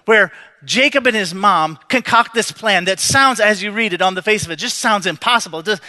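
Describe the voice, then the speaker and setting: A man's voice: high voice, normal speed, sharp tone. A male pastor preaching a sermon in a conversational, joking storytelling way, with frequent restarts.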